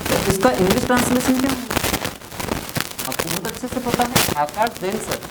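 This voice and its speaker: A man's voice: extremely high pitch, animated, moderate pace. A man teaching an English lesson to students, spelling words letter by letter and often checking that they follow. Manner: checks understanding with frequent "theek" and "clear hai". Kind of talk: classroom lecture. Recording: echoey room, faint room noise.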